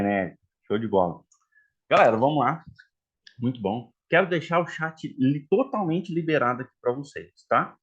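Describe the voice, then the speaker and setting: His voice sits on the low side and the recording's highs are cut off. A mineiro instructor from Minas Gerais, he runs a talkative live online class for therapists, calling them "galera" and sprinkling in "tá?" and "né?" to check in.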